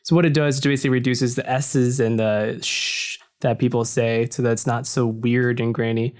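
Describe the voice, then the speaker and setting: A man with a deep voice casually narrates a software tutorial at a moderate pace, explaining things in a relaxed way with plenty of "so" and "uh". The screen-recording walkthrough is captured at a desk in a room that isn't soundproofed, on a desk mic aimed at the computer screen.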